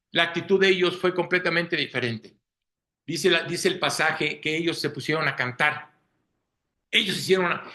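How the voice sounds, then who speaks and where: A man's voice: high voice, bright, forceful tone. A man preaching a Sunday sermon, often checking in with the congregation with rhetorical questions. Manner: asks listeners rhetorical questions, frequent "¿sí?".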